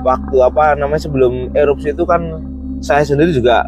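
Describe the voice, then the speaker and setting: A man from Yogyakarta, telling a personal story as a guest in a casual chat, pausing often with "eh" fillers and restarting phrases. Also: fairly high pitch, over music. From Yogyakarta, Indonesia. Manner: hesitant, many "eh" fillers and restarts.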